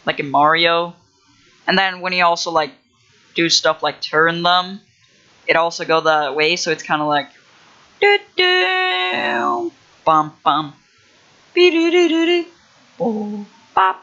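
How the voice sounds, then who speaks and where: A man's voice: fairly high pitch, sharp tone, dull audio. A young man livestreaming as he builds a game level, rambling casually with lots of fillers and restarts. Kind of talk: casual thinking-aloud livestream.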